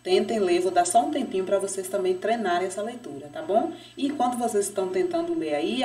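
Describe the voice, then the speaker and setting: Woman teacher, slowly sounding out words. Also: mid-range voice, darkish tone. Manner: slow, drawn-out syllables on example words. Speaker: primary school teacher. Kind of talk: remote reading lesson for children. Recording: voice a bit distant from the mic.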